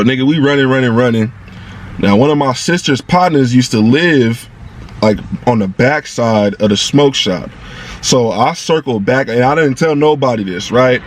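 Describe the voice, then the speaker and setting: Young man's excitable, profane storytime. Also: a little hiss or hum. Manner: excitable, profane street slang, bursts of high-pitched agitation. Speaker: vlogger telling a personal story. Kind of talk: casual storytime monologue.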